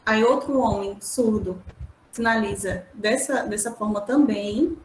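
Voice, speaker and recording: A woman from the Brazilian Northeast, a student, sharing an example in class hesitantly with filler pauses. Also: mid-range voice. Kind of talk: classroom contribution over a call. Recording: echoey room, faint background hum.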